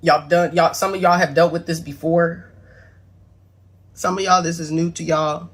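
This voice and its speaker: A woman's voice: lowish voice, fairly even intonation, moderate pace. Tearful rambling woman apologizing. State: close to tears. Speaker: mother addressing her son's claims. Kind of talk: emotional confessional video monologue.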